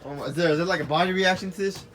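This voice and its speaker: A man's voice: sits high, very fast. A young man hosting a challenge with amused, slangy running commentary. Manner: amused, excitable. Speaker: challenge host and timekeeper.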